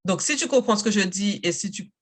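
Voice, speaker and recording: A woman, a native English speaker, talking in a casual interview about coaching parents and adults in English, in an energetic and emphatic way. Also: medium pitch, fairly quick. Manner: energetic, emphatic, self-assured.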